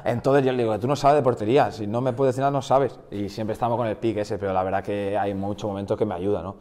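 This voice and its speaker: Speaking fast in a voice on the low side, this Portuguese-born footballer in his twenties sits as an interview guest in a large hall. Raised in the Basque Country, he talks Spanish casually with a slight Basque accent, restarting often and using lots of fillers.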